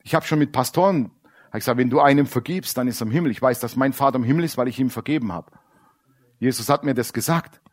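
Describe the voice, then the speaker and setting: A man delivering a sermon, blunt and animated. He acts out the people he quotes and drops to quiet asides. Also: medium pitch, fast. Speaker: preacher.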